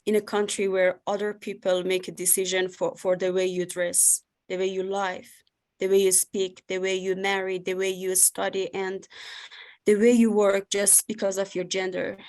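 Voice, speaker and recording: A woman from Afghanistan with an Afghan accent, giving personal testimony in halting English as she searches for words. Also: medium pitch, little pitch movement, a little mellow. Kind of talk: personal testimony in a panel interview.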